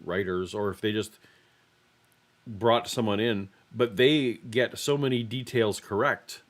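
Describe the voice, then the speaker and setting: Male host, relaxed storyteller, lower pitch. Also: unhurried. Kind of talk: casual chat.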